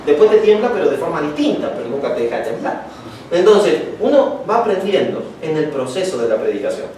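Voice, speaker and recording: A man teaching homiletics speaks in a high, sing-song voice that's brisk and warm, joking and acting out anecdotes in a chatty classroom lecture. The sound is distant and echoey, with slight background noise.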